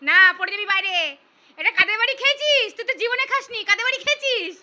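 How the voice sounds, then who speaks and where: Bright, high-voiced coaxing woman. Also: animated, fast talker. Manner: coaxing sing-song baby talk with many repeated words. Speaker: caretaker feeding a small child. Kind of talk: casual home video chat.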